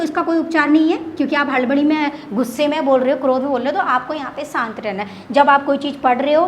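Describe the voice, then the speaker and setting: A woman with a high voice teaches an online exam-prep class. She repeats key words and asks questions that she answers herself. A faint hiss sits under her voice.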